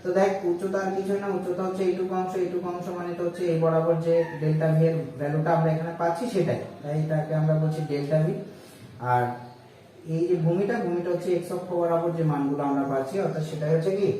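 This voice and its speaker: A man gives a physics lesson at the board, explaining step by step and posing rhetorical questions before answering them. His voice is fairly high and dark in tone, with fairly even intonation and a quick pace. The room is echoey, heard from a distance with faint noise.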